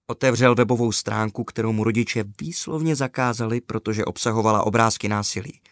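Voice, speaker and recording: A man narrating a children's story aloud with an even storytelling delivery. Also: lowish voice, no echo, studio quality.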